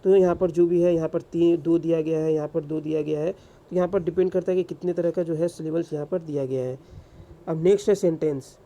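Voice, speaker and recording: A man's voice: fairly high pitch, fairly even intonation, fairly quick, mellow, muffled recording. A man teaching English grammar in a classroom-style lecture, asking rhetorical questions and answering them himself.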